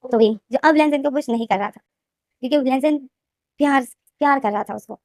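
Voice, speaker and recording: Woman, story retelling, rapid and repetitive, somewhat high voice. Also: darkish tone, no echo, clean studio sound. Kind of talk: casual fan-fiction retelling.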